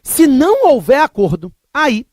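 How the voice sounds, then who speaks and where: A man's voice: very high-pitched, wildly swooping pitch, unhurried, a little mellow, dry recording, clean studio sound. A Brazilian man in his thirties giving a recorded law lecture, repeating key points emphatically and slipping into comic stories. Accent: Brazilian Portuguese. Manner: emphatic, repetitive, jokey digressions. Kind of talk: recorded exam-prep lecture with comic anecdotes.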